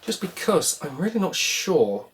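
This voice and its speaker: Mid-pitched voice, casual repair vlogger, rambling, wry, self-questioning, audible background noise. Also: big pitch swings, measured pace. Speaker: vlog host repairing a toy. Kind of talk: casual hands-on repair commentary.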